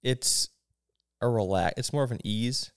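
A man's voice: medium pitch, a little slow, clear, resonant tone, no room sound, clean studio sound. A man in his thirties co-hosting a casual podcast chat, easygoing and explaining things plainly. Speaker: podcast co-host, father.

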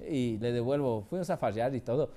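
A man's voice: mid-range voice, fairly quick, warm tone. A young man co-hosting a casual comedy chat, telling stories, swearing freely and laughing a lot. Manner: storytelling, swears freely, laughs often, says "loco". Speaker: podcast co-host.

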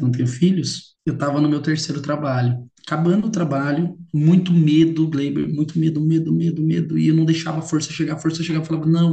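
A Brazilian Portuguese man recounts his experience as a guest in an interview, heartfelt and emotional, stressing points by repeating words. His voice sits a little high but sounds mellow and soft-edged. It carries a roomy echo. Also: vocal fry. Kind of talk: heartfelt personal testimony.

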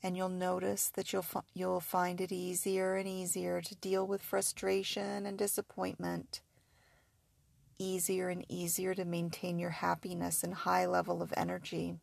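Female sleep-story style hypnosis narrator: unhurried, soothing, repetitive, close and dry-sounding. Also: on the low side, monotone, gravelly, dry recording. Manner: soothing, repetitive, suggestive phrasing.

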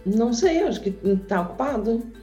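A woman's voice: fairly high pitch, lively intonation, moderate pace, dark tone, faint music behind. A woman, co-hosting a casual chat and thinking aloud as she asks questions. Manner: thinks aloud, hedging with "sei lá". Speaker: co-host.

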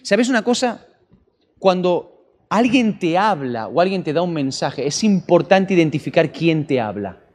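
A man preaching a sermon, animated and full of rhetorical questions to his listeners. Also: a little high, unhurried. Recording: long church-hall reverb.

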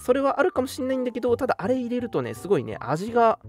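A young man with a very high, darkish voice talks at rapid-fire speed, his pitch swooping wildly. He co-hosts a radio show, chatting casually, laughing easily, and now and then reading listener comments aloud over background music.

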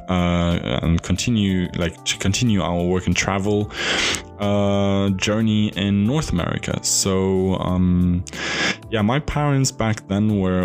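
A young man in his twenties from Germany, whose first language is German, talks through his own story on a solo podcast. His voice sits very low, and he rambles, restarting and correcting himself. Soft music plays faintly behind him. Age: 20s. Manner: rambling, with many fillers, restarts and self-corrections. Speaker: podcast host. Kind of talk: casual solo podcast monologue.

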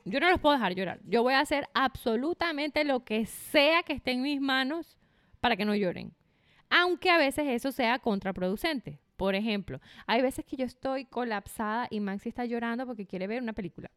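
A woman in her thirties co-hosting a casual chat podcast, lively and expressive, often laughing. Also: fairly high pitch, moderate pace, no room sound, clean studio sound. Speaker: podcast co-host.

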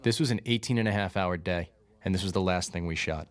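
A man's voice: deep voice, fast. A man giving casual, anecdotal film commentary as a filmmaker, close on the microphone. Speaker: filmmaker and screenwriter.

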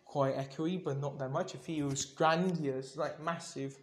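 A man's voice: on the high side, steady tone, unhurried. A young man hosting a podcast in loose, casual talk, recorded while walking through his home, with a strong bathroom and living room echo around his voice. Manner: loose, chatty, swears casually. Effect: echoey bathroom and living room echo. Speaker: podcast host. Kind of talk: casual rambling monologue.

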